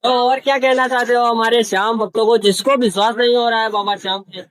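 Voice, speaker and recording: A man's voice: very high voice, flat delivery, brisk, a bit bright, no room sound. A man conducting a street interview, asking short questions and repeating people's answers back to them. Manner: brief prompts and repeated answers.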